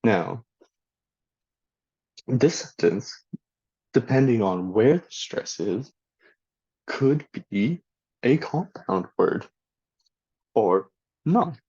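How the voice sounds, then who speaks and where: A man teaching a recorded lesson in an unhurried, deliberate way, pausing to read out example sentences. His voice is mellow and a little husky. The sound is dry and lo-fi. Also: mid-range voice, animated, no echo. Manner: slow, deliberate teacher talk with spoken examples for the listener to repeat. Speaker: student presenter teaching a language lesson. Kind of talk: recorded classroom presentation.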